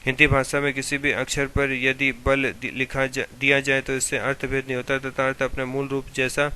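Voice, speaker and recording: A man reads grammar notes aloud like a teacher, line after line from the book. His voice stays almost perfectly level in pitch, with a bright, crisp, clean tone that never rises or falls. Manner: steady monotone reading of a textbook.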